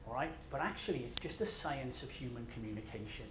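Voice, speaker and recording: At a quick pace and in a mid-range voice, a Scottish man gives a relaxed, self-deprecating presentation to a conference, jet-lagged and heavy on fillers. The recording, made in a large conference room, is echoey with faint noise.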